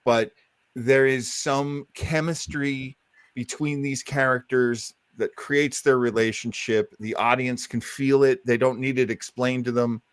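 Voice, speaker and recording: A man's voice: medium pitch, steady tone, a little slow, clear, resonant tone, dry recording. A man co-hosting a chat show, talking casually and agreeing often with his guest. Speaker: co-host.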